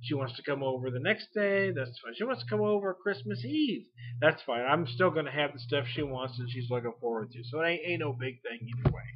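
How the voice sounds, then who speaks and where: A man's voice: fairly high pitch, animated, brisk, hardly any pauses. A man in his forties chatting casually as a beer vlogger, rambling and folksy, laughing often between thoughts. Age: 40s. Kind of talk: casual chat. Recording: lo-fi home recording.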